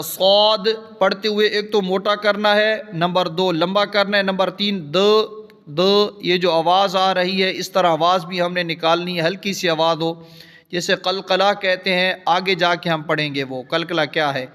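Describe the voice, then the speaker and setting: A man teaching Quran recitation step by step, patiently explaining each letter and then sounding it out slowly. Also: high voice, a bit bright. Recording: long echoing reverb.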